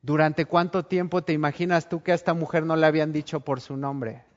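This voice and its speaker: Preacher acting out Bible scenes. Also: male voice, fairly high pitch, fairly quick. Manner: animated storytelling, acts out scenes. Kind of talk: sermon. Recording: dull lo-fi recording.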